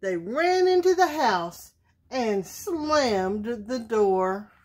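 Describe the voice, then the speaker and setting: A woman reading a children's bedtime story aloud, slowly and expressively. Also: a little high, expressive, a little mellow.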